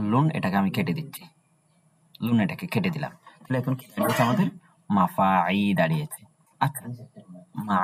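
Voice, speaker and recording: A man with a Bangladeshi Bengali accent teaching Arabic prosody in a classroom lecture, asking himself questions and answering them, and drawing out meter syllables slowly. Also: lowish voice, slight background noise.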